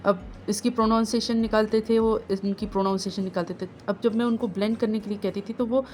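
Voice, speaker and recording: A woman teaching parents phonics, drawing out each letter sound slowly and patiently as she explains how to blend them. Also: medium pitch, fairly even intonation, darkish tone. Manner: slow, drawn-out sounding of letters. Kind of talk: home phonics lesson.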